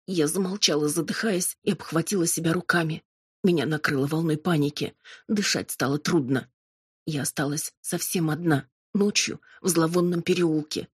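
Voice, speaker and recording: A woman narrating an audiobook in a measured, steady way. Her voice is husky and rather low, recorded dry and close. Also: dry recording. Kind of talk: scripted first-person narration.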